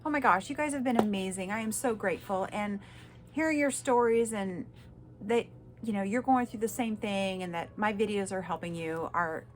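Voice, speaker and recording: A woman in her fifties sharing a personal story in a vlog, halting and heartfelt, crying at times. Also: medium pitch. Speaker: vlogger.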